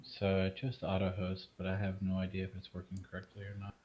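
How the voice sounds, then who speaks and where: Man, very deep voice, fast talker, joking, dull voice-chat audio. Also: monotone. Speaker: player on a voice call. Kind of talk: casual chat.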